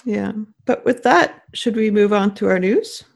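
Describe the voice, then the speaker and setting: Reflective woman co-host with a gravelly voice. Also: mid-range voice, measured pace. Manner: reflective, often adds "you know". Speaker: podcast co-host. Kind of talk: casual podcast chat.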